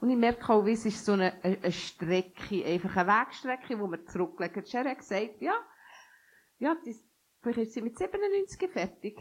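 A woman's voice: a little high, animated, normal speed, breathy edge, poor audio. A woman preaching a sermon who reads scripture and urges listeners, with sudden emphatic bursts.

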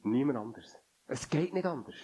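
A man preaching a sermon in an earnest, pleading way, his phrases often sinking to a quiet murmur. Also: animated, normal speed, husky. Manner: earnest, pleading, drops to a low murmur at line ends.

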